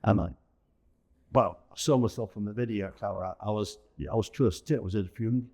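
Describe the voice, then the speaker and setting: With a fairly low, creaky, warm voice and a brisk pace, an older or middle-aged man chats as an interview guest about his time as an amateur pantomime performer. His talk is relaxed and colloquial, anecdotal, and full of tag phrases.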